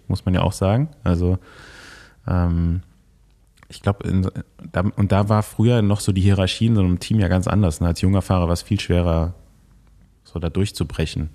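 A low-voiced man in a casual podcast conversation who explains his views at length. He restarts his sentences often as he thinks aloud. His tone stays easygoing. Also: steady tone, a little fast, warm tone. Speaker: podcast co-host. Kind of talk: casual chat about cycling.

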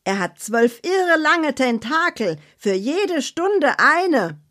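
A woman voicing an excitable, blunt young female friend who delivers dramatic warnings in a high, breathless voice. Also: slow pace, full character voice.

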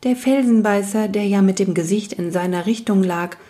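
A woman reading a fantasy storybook aloud as narrator, in a calm, even storytelling manner. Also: medium pitch, moderate pace. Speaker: audiobook narrator.

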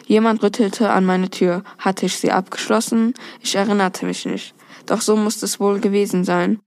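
A woman reading a first-person novel passage aloud in a steady, measured way. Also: medium pitch, dry recording. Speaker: reader of a novel excerpt.

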